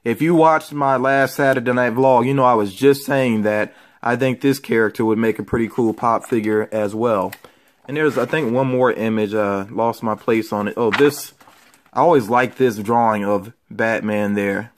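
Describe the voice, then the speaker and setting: A toy collecting vlogger chats casually with viewers, showing off items from his collection in an indoor room lined with shelves of figures. His voice sits at a medium pitch and moves at a normal speed.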